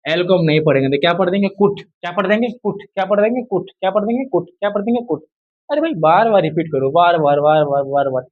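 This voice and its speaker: High-voiced man drilling English rules. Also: quick pace, phone-quality sound. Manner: repetitive quizzing, drills answers aloud; addresses viewers as friend and brother. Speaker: English teacher. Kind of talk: casual spoken lesson.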